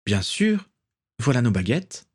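A man's voice: mid-range voice, big pitch swings, slow, husky, heavily acted. A man voicing a polite, flustered young woman of twenty in an audiobook. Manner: brief, hesitant replies.

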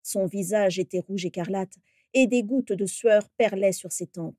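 A woman calmly narrating a fantasy story in a measured reading. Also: mid-range voice, no room sound, clean studio sound. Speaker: reader of a fan story.

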